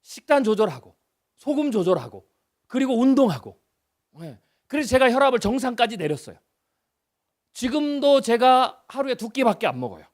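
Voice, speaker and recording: A guest pastor in his fifties preaches a revival sermon, chatty and packed with rhetorical questions, swinging between loud emphasis and hushed lines. His voice is extremely high-pitched and very animated, at a moderate pace.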